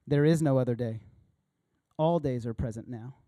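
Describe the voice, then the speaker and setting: A man's voice: mid-range voice, normal speed, mellow, no room sound, pitched below the performer's own voice, natural voice. Stern, insistent fiery male spirit, read by a man, blunt and commanding, dry sound. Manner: firm, repetitive, commanding. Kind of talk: reading a story aloud in a sermon.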